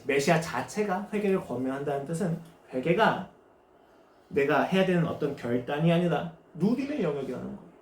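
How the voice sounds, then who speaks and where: A male pastor preaching a Sunday sermon, asking rhetorical questions and acting out quotes. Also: on the high side. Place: church sanctuary. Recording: echoey church room, faint noise.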